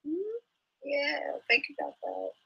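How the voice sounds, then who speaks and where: A woman's voice: sits high, huge pitch swings, pushed and bright, muffled recording. A young woman reading out online comments and answering them in an indignant, sarcastic, profane rant, stumbling and restarting as she talks. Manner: halting with frequent restarts. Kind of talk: casual ranting commentary.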